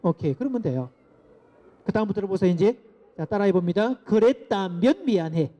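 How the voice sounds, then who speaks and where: A middle-aged man giving a lecture to parents, lively and asking the audience to repeat phrases after him. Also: high-pitched, fast. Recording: dull lo-fi lecture recording.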